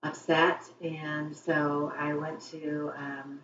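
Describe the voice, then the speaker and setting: A woman's voice: sits low, level tone, very slow, fairly bright tone, a little hiss or hum. A woman interviewee gives candid, reflective answers that wander a little. Her voice is heard re-recorded through a TV speaker. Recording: echoey, dull, distant TV re-recording.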